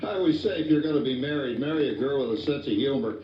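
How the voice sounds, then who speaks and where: A man's voice: mid-range voice, quick pace, a little hiss or hum. An actor playing a cheerful, chatty father who jokes and chuckles about his family, heard from an old VHS tape recording. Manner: chatty, joking, chuckles often. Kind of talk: scripted stage narration. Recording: muffled old VHS tape, echoey hall from far off, music behind.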